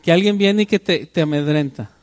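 An older pastor preaches a sermon, frequently putting rhetorical questions to the congregation. He speaks fairly quickly in a voice that is high for a man, recorded dry and close with no room echo.

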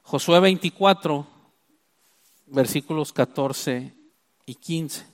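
A man preaching a sermon, explaining scripture emphatically and drawing out key words. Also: fairly high pitch. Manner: emphatic, stresses key phrases with slow drawn-out words; repeats and restarts while explaining.

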